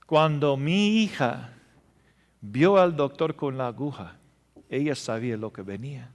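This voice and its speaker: A man preaching a sermon, telling emotional stories and swinging between loud passages and hushed ones. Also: mid-range voice, animated, measured pace. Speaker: pastor. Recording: reverberant hall.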